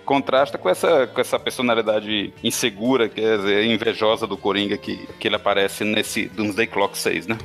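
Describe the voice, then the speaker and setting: A man's voice: lowish voice, fairly even intonation, moderate pace, few pauses, a bit bright, soft background music. A man co-hosting a casual comics podcast, giving opinions with hesitant restarts. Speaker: podcast co-host.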